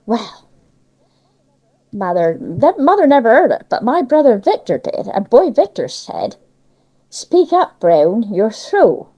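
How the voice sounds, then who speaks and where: An older woman from Cornwall, England, reminisces casually as an interviewee sharing local memories, speaking Cornish dialect in a Cornish accent with lots of tag questions. Her mellow voice is a little high, with big pitch swings and a slow pace, and the recording's highs are cut off.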